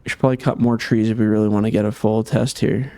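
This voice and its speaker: A man giving casual gameplay commentary as a game modder, chatty and thinking aloud with many fillers, slightly hoarse. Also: on the low side, steady tone, quick pace, warm tone, no echo.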